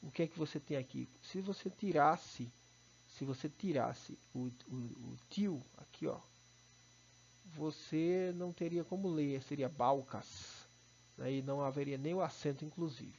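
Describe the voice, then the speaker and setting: A man's voice: fairly high pitch, moderate pace, gravelly, a little mellow, husky. A man with a Brazilian accent teaching an online lesson, explaining step by step and often checking in with his students. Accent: Brazilian Portuguese. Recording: dull lo-fi recording.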